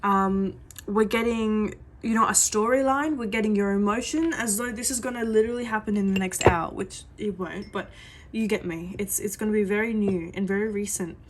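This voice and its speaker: A woman's voice: mid-range voice, steady tone, moderate pace, slight background noise. A woman giving a psychic reading, talking straight to her client in an earnest, reassuring way and repeating that she does see things. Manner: chatty, with many fillers and restarts. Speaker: psychic reader. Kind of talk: reading coffee grounds to a client.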